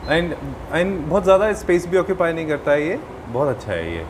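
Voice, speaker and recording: A man hosting a design show, asking questions about products in a showroom in a lively, curious manner. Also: fairly high pitch, a little fast, slight background noise. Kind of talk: interviewing casual chat.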